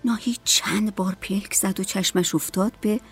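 A woman narrating a story as an audiobook in a calm, measured way. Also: medium pitch, slightly rough, soft background music.

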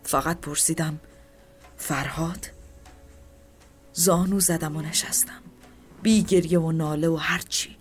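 A woman's voice: deep voice, steady tone. A woman telling a first-person story in a subdued, grieving manner, at times dropping to a whisper. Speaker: narrator. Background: soft background music.

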